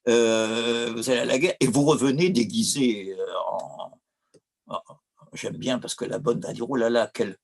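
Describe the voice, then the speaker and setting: A man with a Corsican accent lectures about opera in a loose, conversational way. His voice is gravelly and somewhat husky. He stumbles and restarts often as he thinks aloud. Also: medium pitch, measured pace. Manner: digressive, many restarts and hesitations. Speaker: philosophy lecturer.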